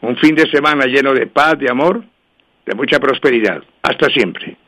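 A man who works as a radio host and numerologist runs a call-in program, reeling off lucky lottery numbers for each star sign. Brisk and repetitive at first, he slows considerably so listeners can write the numbers down. His voice has a middling pitch for a man.

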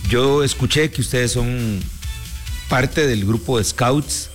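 A man's voice: mid-range voice, faint music behind. Guatemalan man telling a story. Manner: storytelling, measured, many restarts. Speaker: sports commentator. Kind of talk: casual talk show chat.

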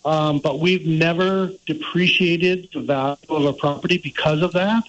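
Middle-aged male caller, bit high, halting delivery, muffled call line with the stream quality dropping. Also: fairly even intonation. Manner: halting, many fillers and restarts. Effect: remote call audio breaking up, stream quality dropping. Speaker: state representative calling in. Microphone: phone call, not on speaker. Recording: lo-fi call line with faint noise.

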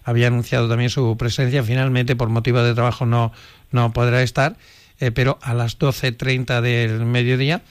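Halting male local radio host. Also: medium pitch. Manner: halting, many fillers. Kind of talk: local radio interview and links.

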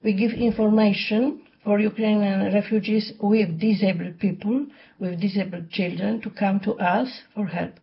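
Husky woman with a Polish accent. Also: mid-range voice, fairly even intonation, lo-fi sound. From Poland. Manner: simple, halting English. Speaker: charity founder. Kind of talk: interview answers.

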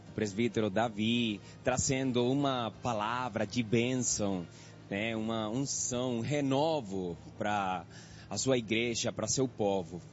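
A Venezuelan man with a Spanish accent giving an earnest, measured church testimony in a radio interview. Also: mid-range voice. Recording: dull lo-fi radio broadcast.

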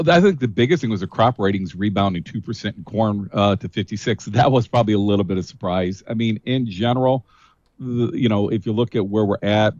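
A man's voice: lowish voice, darkish tone, no echo. Man on a phone line, market analyst. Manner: brisk, figure-heavy, uses frequent "uh" fillers. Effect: heard over a phone line. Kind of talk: market report commentary. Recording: muffled phone line, dry.

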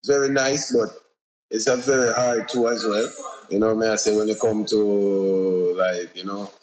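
A Jamaican singer with a Jamaican accent talks casually in an interview, laid-back and rambling, dropping lots of "you know"s. His lowish voice is steady, unhurried and a little mellow, though the recording is rough.

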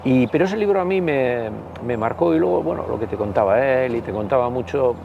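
A political party member from the Basque Country, in his sixties, appears as an interview guest, casually recounting anecdotes in Basque-accented Spanish. His medium-pitched voice is expressive with vocal fry, his speech rambling and halting with frequent tag questions. The highs are cut off and there's background noise.

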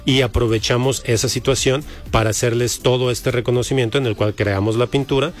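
A man's voice: mid-range voice, fairly even intonation, brisk, soft background music. A man from Guadalajara with a Mexican accent, an artist guest on a radio show, earnest and stumbling over words. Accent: Mexican Spanish. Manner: hesitant, repeats words, earnest. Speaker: guest painter. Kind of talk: casual radio interview.

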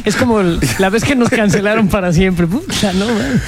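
A man's voice: high voice, normal speed. A man with a Mexico City accent, from Mexico City, co-hosting a radio show and talking bluntly in slang. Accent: Mexico City Spanish. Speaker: host. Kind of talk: casual radio chat.

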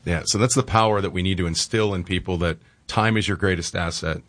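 A man in his forties co-hosting a radio talk show, chatting casually and telling stories with filler pauses. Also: low voice, fairly even intonation, a bit bright. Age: 40s. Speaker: radio co-host.

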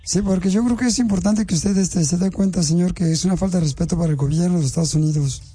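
A radio prank caller who poses as a utility official in a mock-official, needling and insulting way. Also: male voice, high voice, fast, mellow, husky, faint music behind. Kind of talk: prank phone call.

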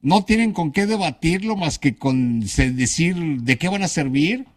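A man hosts a sports radio show with a lively, swinging pitch. He banters with his co-host and argues his points in relaxed, salty slang. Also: unhurried. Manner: bantering, argumentative, swears casually. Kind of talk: casual sports radio talk.

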